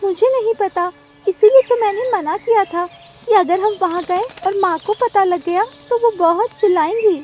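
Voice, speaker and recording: A woman voicing a small girl sparrow in a cartoon, tearful and pleading in a very high voice. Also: normal speed, a little mellow. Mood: insistent. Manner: crying, pleading.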